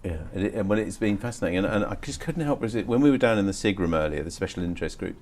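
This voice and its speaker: A man's voice: low voice, lively intonation, rapid-fire, a little mellow. A man hosting a live interview in a studio, introducing and prompting his guest. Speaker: livestream interviewer. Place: livestream studio.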